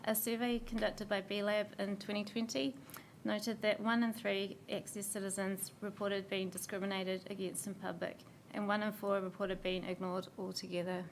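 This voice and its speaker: Hoarse New woman reading a submission. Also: medium pitch, a little hiss or hum. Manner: steady, measured reading with small slips and fillers. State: hoarse, losing her voice. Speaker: submitter at a council hearing.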